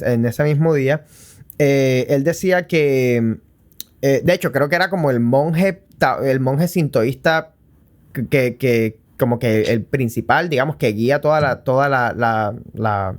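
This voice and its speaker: A man with a Colombian Caribbean accent talks casually as a podcast co-host. His voice sits at a medium pitch, and his talk is full of slang and cheeky, crude joking. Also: moderate pace. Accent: Colombian Caribbean coast. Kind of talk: casual chat.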